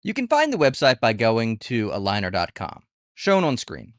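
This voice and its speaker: A man hosts a conversational review and tutorial on online gig work platforms, speaking casually and candidly and asking rhetorical questions. His mid-range voice swoops wildly in pitch at a moderate pace, fairly bright, in a dry, clean studio recording.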